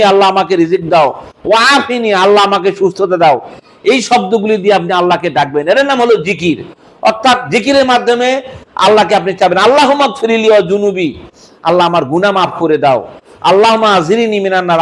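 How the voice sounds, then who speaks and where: A man with a Bangladeshi Bengali accent preaching a sermon in a scolding, emphatic way, stacking repeated phrases. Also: high-pitched. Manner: scolding, emphatic, repetitive lists.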